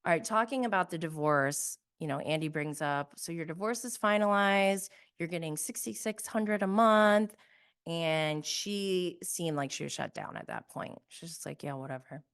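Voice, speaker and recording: A woman's voice: on the low side, normal speed, clean tone. A woman giving a casual, conversational recap of reality TV as a host, opinionated and emphatic in how she makes her points. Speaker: podcast host.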